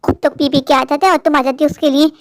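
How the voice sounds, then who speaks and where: A woman's voice: sits high, steady tone, fast, no echo, studio quality, voice pushed down. A woman voicing a harsh, scolding wealthy employer in a cartoon, talking down with contempt. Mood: scornful. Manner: contemptuous, lecturing. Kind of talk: cartoon voice-over.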